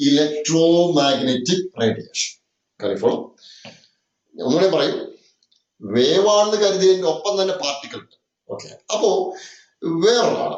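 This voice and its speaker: In this roomy recording with the highs cut off, a man with a slightly high voice teaches chemistry. His Malayali accent comes through as he switches between English and Malayalam during the classroom lecture, going over points again and again with frequent "okay"s.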